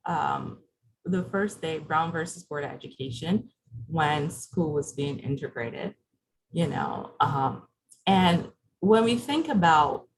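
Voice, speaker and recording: Woman, lower voice, very expressive intonation, video call presentation, chatty and audience-directed. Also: slow pace, rough recording. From Barbados. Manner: conversational, asks the audience questions. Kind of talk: interactive presentation.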